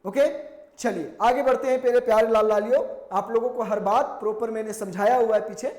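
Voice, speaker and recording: A male physics teacher lectures in class, posing his own questions and answering them, repeating key terms, slipping in slowly spoken English technical phrases, and encouraging students affectionately. His voice sits high, steady, and darkish in tone, recorded in an echoey room.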